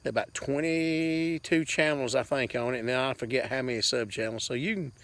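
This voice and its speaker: Out on the farm with a handheld camera, this man talks a little fast in a mid-range, fairly bright voice. He's a vlogger giving his viewers a folksy, plainspoken, rambling update.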